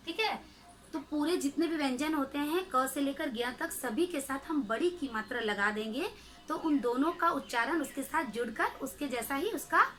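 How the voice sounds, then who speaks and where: A woman with a high, bright voice teaches young learners at an unhurried pace. She draws each syllable out long and clear so children can say it back to her. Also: poor audio. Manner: slow, drawn-out syllables for pupils to repeat. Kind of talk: children's Hindi lesson.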